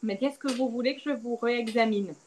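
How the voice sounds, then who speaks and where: A young woman, a podcast guest, candidly recounting a personal story and acting out the quoted dialogue with lively swings in her voice. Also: fast, a little hiss or hum, low-quality recording. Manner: animated, acts out quoted dialogue with big pitch swings. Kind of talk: candid storytelling about childbirth.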